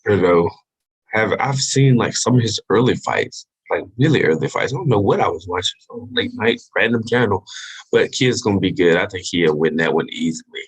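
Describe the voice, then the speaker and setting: A man's voice: lowish voice, lively intonation, normal speed, slightly rough, rough recording. A man co-hosting a casual fight podcast, joking and playful in an easygoing way. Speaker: podcast co-host. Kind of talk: casual sports chat.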